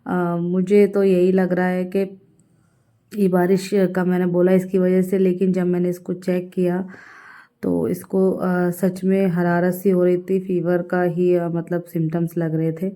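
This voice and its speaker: Woman vlogger, 30s, casual chat to viewers, low flat delivery. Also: a little slow. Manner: chatty, addresses viewers directly; mixes English words into Hindi. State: unwell with fever. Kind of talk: casual home vlog chat.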